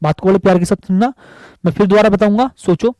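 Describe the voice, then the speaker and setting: A man's voice: high voice, quick pace, mellow, no echo, rough recording. A man teaching physics at a board in an affectionate, repetitive way, often calling his students buddy. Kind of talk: board lecture.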